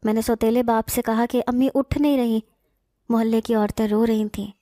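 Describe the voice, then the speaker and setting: A woman narrating a first-person horror story in a steady storytelling manner. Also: a little high, dry recording, studio quality.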